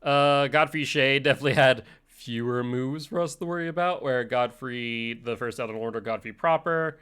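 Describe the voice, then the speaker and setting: A man's voice: medium pitch, moderate pace, a bit bright, clean tone. A young man giving casual, chatty, self-deprecating commentary while playing a game on stream. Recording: streamed with game music behind. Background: game music.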